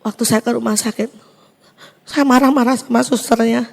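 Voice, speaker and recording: A woman gives an emotional church testimony and animatedly acts out each exchange. Her voice sits high and carries a gravelly, creaky texture. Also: steady tone, moderate pace. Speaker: testimony speaker.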